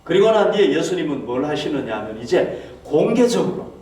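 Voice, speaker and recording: A man's voice: a little high, very animated, brisk, darkish tone. A male pastor preaching a sermon, often putting rhetorical questions to the congregation and acting out quoted speech in a raised voice. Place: church hall. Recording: very echoey hall, mic far off.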